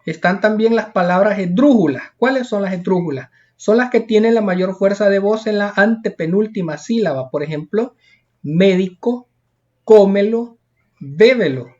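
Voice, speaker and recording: A man's voice: high-pitched, moderate pace, few pauses, darkish tone. A male teacher, patiently explaining a lesson step by step and repeating key points. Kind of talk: recorded classroom lesson. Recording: dull lo-fi recording.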